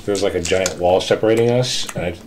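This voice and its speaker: A man playing a tabletop game, talking in a rambling, halting way and breaking into laughs. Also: deep voice, a little hiss or hum. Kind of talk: casual in-character game chat.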